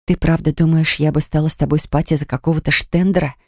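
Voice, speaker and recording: A woman reading an audiobook voices a proud, quick-tempered young woman who talks sharply and indignantly. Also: low-pitched, steady tone, darkish tone, no echo, studio quality.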